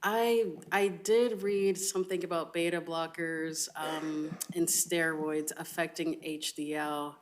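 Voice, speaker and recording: A young adult woman, a resident physician, delivers a medical lecture in a low-sitting voice and takes audience questions. Her answers are measured and thoughtful, peppered with ums and uhs.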